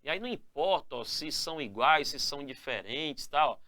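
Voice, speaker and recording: Man, grammar teacher, energetic spelling lesson, high and lively voice, dry close sound. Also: no echo. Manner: energetic, calls the viewers "galera" and "moçada", ends phrases with "né?" and "tá?"; stretches out key words slowly to stress them.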